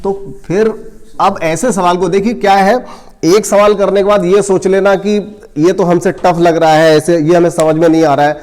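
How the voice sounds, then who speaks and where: A man teaching a coaching class in math, working sums aloud step by step and talking straight to his students. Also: a little high. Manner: addresses students directly, gently scolding.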